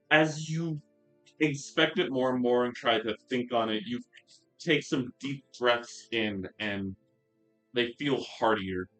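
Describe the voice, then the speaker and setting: A man narrating as game master for a tabletop game, relaxed and descriptive with frequent fillers. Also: fairly low pitch, low-quality recording. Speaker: dungeon master.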